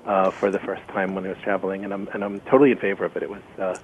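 A man's voice: low-pitched, monotone, very fast, darkish tone, slight background noise, low-quality recording. A man speaking as a guest on a radio panel, hesitant and full of fillers.

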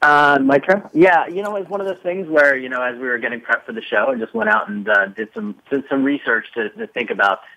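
A man's voice: mid-range voice, brisk, hardly any pauses, pushed and bright, rough recording. A man speaking as a panel guest, talking loosely with many fillers and restarts. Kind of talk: casual discussion.

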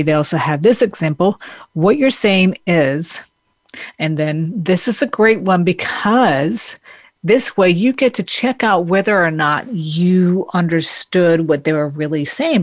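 A woman's voice: fairly low pitch, no room sound. A woman therapist talking casually, explaining relationship repair phrases and reading examples aloud. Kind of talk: casual teaching talk.

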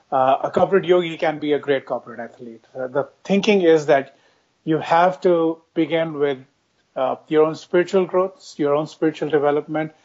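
A man with a rather high-pitched voice talks as an interview guest. He explains ideas in a reflective way. The sound is dull and lo-fi. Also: a little mellow. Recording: dull lo-fi connection.

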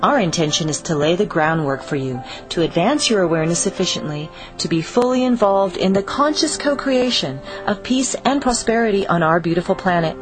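A woman reading a scripted radio promo in a smooth, inviting voice. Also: on the low side, expressive, fairly quick, hardly any pauses. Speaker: promo announcer. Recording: voice over music bed.

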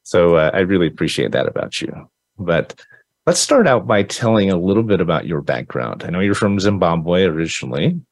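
Low-voiced, effusive male podcast host. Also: very animated, brisk, no echo. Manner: effusive, rambling, lots of restarts. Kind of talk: casual interview.

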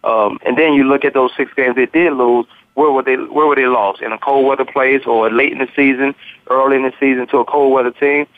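A man's voice: mid-range voice, steady tone, brisk, no room sound. Male co-host on a phone line; casual, repetitive analysis; thin phone sound. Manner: repeats words, loose and talkative. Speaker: sports radio co-host and analyst. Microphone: telephone.

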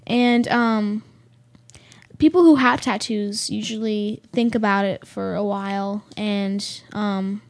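A woman's voice: medium pitch, steady tone, slow pace, darkish tone. A teenage girl co-hosting a student radio show in casual chat, giggly and full of fillers like "like" and "um". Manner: chatty, giggly, filler-heavy with lots of likes and ums.

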